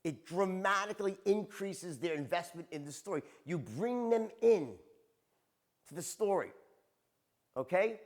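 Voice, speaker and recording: A man giving a seminar talk as a sales trainer, animated and tagging his points with "right?" and "okay?". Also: sits high, measured pace.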